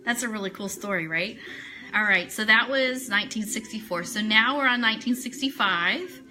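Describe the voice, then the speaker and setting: An American woman hosts a live online radio show, chatting with viewers, greeting them by name, and reading items aloud. Her mid-range voice has a sharp tone and a moderate pace, and the audio is poor.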